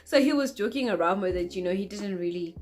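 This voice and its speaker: A young woman telling a dramatic, animated storytime to her vlog audience. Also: medium pitch, quick pace, soft background music. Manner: animated, dramatic, acts out quotes. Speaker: vlogger. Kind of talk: casual storytime.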